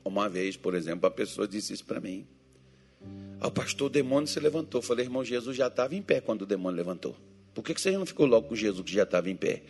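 A man's voice: fairly low pitch, animated, racing, a little mellow, faint music behind. A man preaching a joking sermon as pastor, teasing his congregation and acting out Bible figures and churchgoers in different voices.

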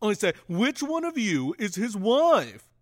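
A man's voice: sits high, huge pitch swings, unhurried, no room sound, clean studio sound, heavily acted. An actor playing a pompous, bossy theatre director who stars as the detective in his own play. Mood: grandiose.

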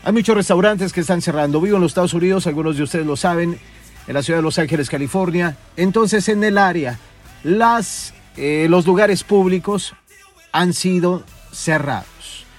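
A man rants through a podcast monologue in a high-pitched voice, swearing freely and scolding his listeners. Soft music plays faintly underneath. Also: moderate pace. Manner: profane, scolding, mocking. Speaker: podcast host. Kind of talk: ranting motivational monologue.

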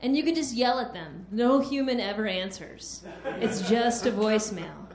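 A woman, the show's co-producer, bantering playfully on stage and yelling a mock rant. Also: on the high side, animated, moderate pace. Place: stage in an echoey venue. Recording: echoey live venue.

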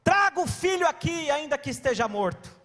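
A man voicing a missionary who makes slow, solemn prophecies, in a long church reverb. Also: very high-pitched, big pitch swings, fairly bright tone, pitched above the performer's own voice, full character voice. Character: solemn male missionary prophesying over the radio.

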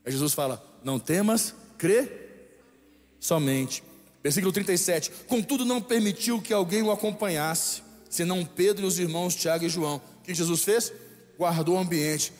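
High-voiced Brazilian preacher in an echoey hall. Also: male voice, normal speed, darkish tone. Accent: Brazilian Portuguese. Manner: emphatic, repeats lines for the congregation to echo. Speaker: bishop preaching. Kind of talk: sermon. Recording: echoey hall with faint music.

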